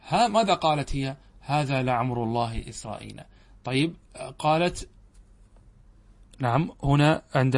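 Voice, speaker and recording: A middle-aged male scholar teaching grammar at an ordinary pitch. He explains each point patiently, often pausing to ask if the students understand. He reads quoted verses aloud slowly. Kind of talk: classical Arabic grammar lesson.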